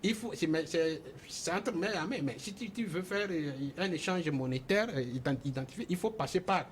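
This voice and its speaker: A man's voice: fairly high pitch, normal speed, slight background noise. A man from Togo speaking as a guest on a TV panel, with many fillers and restarts. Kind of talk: TV panel discussion.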